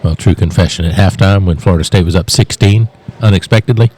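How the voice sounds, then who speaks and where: A man's voice: low-pitched, quick pace, warm tone, breathy edge. A man co-hosting a podcast in casual chat, teasing the others with dry humor. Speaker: podcast co-host.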